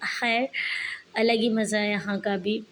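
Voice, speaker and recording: A woman narrates her home vlog in a chatty, easygoing way, dropping in laughing asides. Her voice sits at an ordinary pitch for a woman. A faint hum runs under the recording. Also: level tone, slow pace, a bit bright. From Pakistan. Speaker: vlogger.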